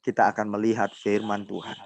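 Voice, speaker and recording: Loud, emphatic preacher on a video call. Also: male voice, fairly low pitch, completely flat delivery, a little fast, vocal fry. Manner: loud, emphatic, says he talks loudly; teasing, imitates group members' voices. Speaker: pastor teaching a youth group. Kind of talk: online sermon to a group on video call. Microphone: laptop mic on a video call.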